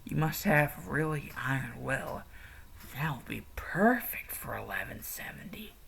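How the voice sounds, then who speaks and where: A man voicing a sinister male toy-company founder in a low, hushed, creaky whisper. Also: very animated, unhurried, full character voice. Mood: menacing hush.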